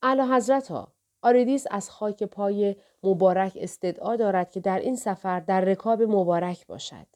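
A woman's voice: medium pitch, darkish tone, close to an everyday voice. A woman reading a loyal formal commander. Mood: deferential. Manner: respectful, formal. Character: loyal male army commander, deferential to his king.

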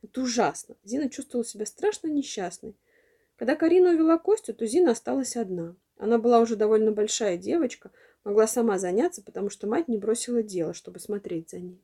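A woman narrating a children's storybook in an expressive reading voice. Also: fairly high pitch, fast, husky.

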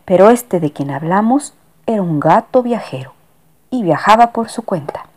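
A woman narrating a children's storybook with a lively, expressive manner. Her pitch is animated and moves a lot. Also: normal speed.

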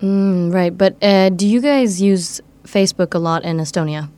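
A woman's voice: medium pitch, moderate pace, dark tone. A woman hosting a radio program in a casual, conversational style, asking guests questions. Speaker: radio host. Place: radio studio.

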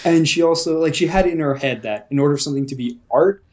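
A young man co-hosting a casual podcast chat, telling stories and acting out the people he quotes with lively emphasis. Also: fairly high pitch, quick pace. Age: young adult. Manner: animated storyteller, acts out quoted people. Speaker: podcast co-host.

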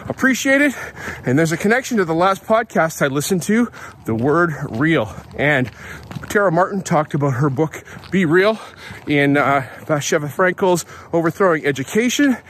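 Man, podcast host, fairly high voice, rambling outdoor diary, faint outdoor hiss behind. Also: lively intonation, normal speed, a bit bright. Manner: chatty, rambling, self-correcting. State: out of breath. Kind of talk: casual outdoor audio diary. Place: outdoors on a hill at dawn.

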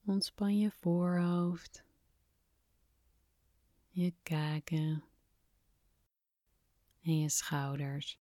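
Slow, soft, near-whispering woman guiding relaxation. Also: on the low side, no echo, studio quality. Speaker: podcast host, relaxation guide. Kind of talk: guided relaxation meditation.

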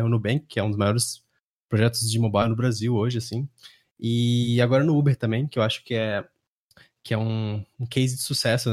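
A man with a Brazilian Portuguese accent hosting a casual podcast interview. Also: medium pitch. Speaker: podcast host.

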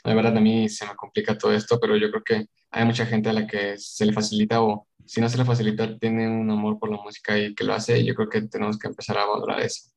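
A man's voice: fairly low pitch, completely flat delivery, fast, creaky, few pauses. A young man on a student podcast, talking casually and reflectively in a tentative, hedging way. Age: young adult.

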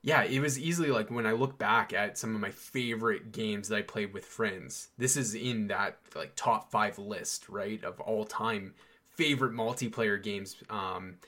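Lowish and unhurried, this young podcast host's voice has a sharp tone. He's chatting casually and with enthusiasm, full of fillers and restarts.

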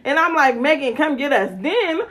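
A woman co-hosting a casual podcast, telling a story in an animated, profane way and acting out quotes. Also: sits high, normal speed. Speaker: podcast co-host.

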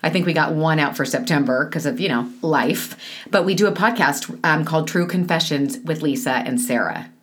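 Woman cohosting a podcast, kinda low voice, easygoing chatter with little asides. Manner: chatty, conversational, quick asides. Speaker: podcast co-host. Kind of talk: casual podcast chat.

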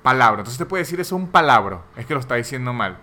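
A man's voice: medium pitch, sing-song, fast, sharp tone. A man hosting a comedic podcast monologue, ranting in a sarcastic, mocking way. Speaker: podcast host.

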